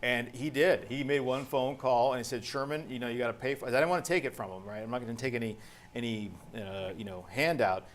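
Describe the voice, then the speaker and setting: A man's voice: mid-range voice, fast, a little hiss or hum. A man hosting a panel, casually telling a long anecdote and acting out the dialogue of the people in it. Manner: animated, acts out quoted dialogue.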